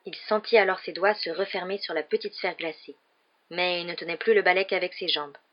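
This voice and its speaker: A woman reads an audiobook chapter aloud in a steady, expressive storytelling manner. Her voice sits somewhat low, and the recording sounds dull and lo-fi. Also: fairly quick. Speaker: audiobook narrator. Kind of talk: scripted audiobook narration.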